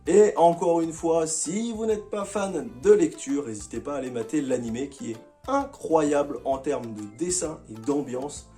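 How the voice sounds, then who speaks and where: A man's voice: on the high side, normal speed, warm tone, faint music behind. A man talking casually and enthusiastically to his viewers as he reviews his monthly manga picks, with slangy, chatty phrasing.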